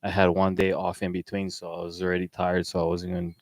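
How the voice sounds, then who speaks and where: Deep-voiced laid-back island man. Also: completely flat delivery, fast, no echo, poor audio. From Wai'anae, Hawaii. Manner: laid-back, laughs easily, stumbles and repeats words. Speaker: podcast host. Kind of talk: casual chat. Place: small studio room.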